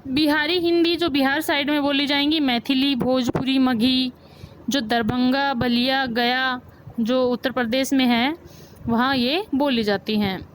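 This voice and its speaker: A woman's voice: high voice, fairly even intonation, unhurried, background noise. A woman teacher, giving a grammar lesson and asking the class questions, then repeating the key points. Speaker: school teacher.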